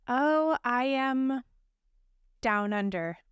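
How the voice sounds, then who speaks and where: A woman's voice: high voice, lively intonation, very slow, smooth, dry recording. A woman co-hosting a podcast, telling stories in a chatty, laughing way with lots of fillers. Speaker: podcast co-host. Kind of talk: casual podcast chat. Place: abroad in a hotel room or similar.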